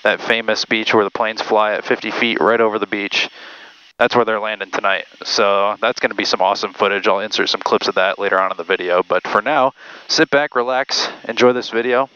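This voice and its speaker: A man's voice: fairly low pitch, steady tone, pushed and bright, clean tone. A young man flying a small jet and talking to his viewers, upbeat, speaking through an aviation headset in the cockpit. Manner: quick, upbeat, talks to viewers. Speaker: pilot and vlog host. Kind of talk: casual vlog narration and radio calls. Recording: dull lo-fi sound with engine noise.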